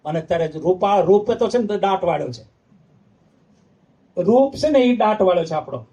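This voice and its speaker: In this devotional talk, a male monk sings verses and presses the audience with emphatic questions. His voice sits high and sounds warm and animated, moving at a moderate pace.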